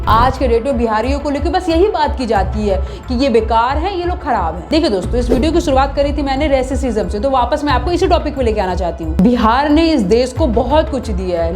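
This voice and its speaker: A woman with a high voice hosts a commentary video in an earnest, persuasive tone, often asking rhetorical questions. Music plays clearly behind her throughout. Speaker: video essay host.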